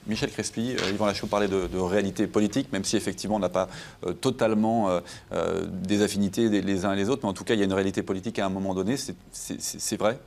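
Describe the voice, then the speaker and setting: A man hosting a political talk show, briskly prompting his guests with questions. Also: low voice, fairly even intonation, gravelly, darkish tone. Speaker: host.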